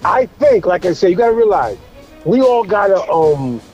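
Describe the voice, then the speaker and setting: A man's voice: high voice, sing-song, normal speed, darkish tone, faint music behind. A man being interviewed over a phone call, talking casually and insisting on being heard out. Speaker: interview guest.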